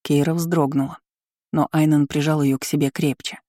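Mellow, steady audiobook narrator. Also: medium pitch, moderate pace, dry recording, studio quality. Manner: steady, even storytelling. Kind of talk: scripted fantasy narration.

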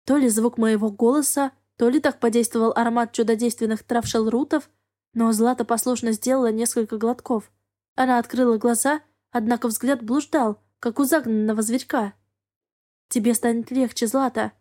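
A woman narrating a first-person audiobook in an even, measured way. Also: a little high.

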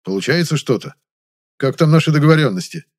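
A man voicing a loud, fawning middle-aged theatre director in an audiobook. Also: on the high side, animated, fast talker, no echo, clean studio sound, pitched above the performer's own voice, lightly acted. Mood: gushing. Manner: loud, gushing, ingratiating.

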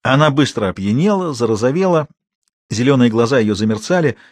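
A man reading a novel aloud in measured, steady scripted narration. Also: medium pitch, dry recording, studio quality. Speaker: audiobook narrator.

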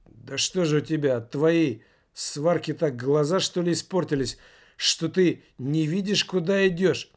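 A man's voice: fairly high pitch, a little slow, close to an everyday voice. A man voicing an indignant middle-aged woman who scolds a drunk, in an audiobook reading.

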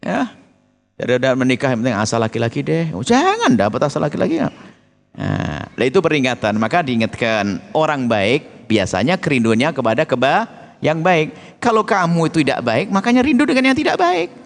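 A man preaching and answering a question, lively, acting out quoted speech in a raised voice. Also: fairly high pitch, normal speed, vocal fry. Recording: reverberant hall.

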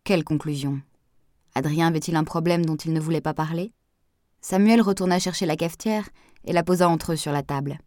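Low-voiced woman reading a novel. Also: brisk, mellow, no room sound. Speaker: audiobook narrator. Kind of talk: scripted narration.

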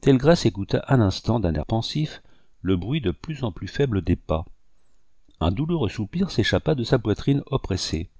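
A man narrating an audiobook in a measured, steady reading style. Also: lowish voice, dry recording. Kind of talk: scripted narration.

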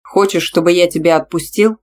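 Gruff, pushy young dragon man voiced by the audiobook reader, growls his lines, stubborn and demanding. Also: high voice, fairly even intonation, a little fast, lightly acted. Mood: insistent. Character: brash young male dragon shifter, pushy teacher. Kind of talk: audiobook character voice.

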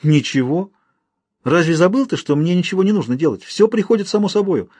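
A man's voice: high voice, animated, a little fast, a little mellow, husky, dry recording, voice pushed up. A man reading an audiobook, voicing a cruel young woman who taunts and laughs at her lover. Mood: spiteful. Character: mocking, cruel young woman, soulless temptress.

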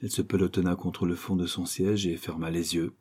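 A man narrating a classic short story in a measured storytelling way. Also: deep voice, level tone, dark tone, slightly rough. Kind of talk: audiobook narration.

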